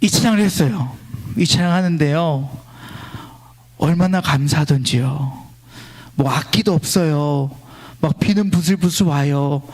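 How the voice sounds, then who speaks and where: A male pastor preaching at a church service, leading a line-by-line scripture reading and swinging between loud exclamations and quiet storytelling. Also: on the high side, a little slow, pauses often. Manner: exclaims praise lines loudly, then drops to quiet storytelling. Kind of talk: sermon.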